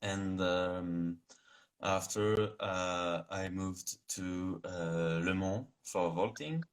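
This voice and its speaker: A young adult man from France, a guest with a deep voice and French accent, answers interview questions in English over a video call. He speaks haltingly, searching for words.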